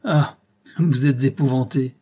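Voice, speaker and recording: A man's voice: medium pitch, a little slow, dark tone, voice pushed up, lightly acted. A man reading an audiobook, voicing an enraged, guilt-torn aristocratic count who speaks with vehement, bitter anguish. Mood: anguished confession.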